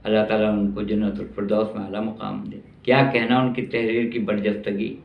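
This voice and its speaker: An older man from Pakistan, reminiscing in a slow monologue and repeating phrases for emphasis. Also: lowish voice, level tone, gravelly. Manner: slow, reflective, repeats phrases for emphasis, grows indignant about prices. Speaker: vlogger reminiscing about his city. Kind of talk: nostalgic monologue. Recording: roomy, dull lo-fi sound.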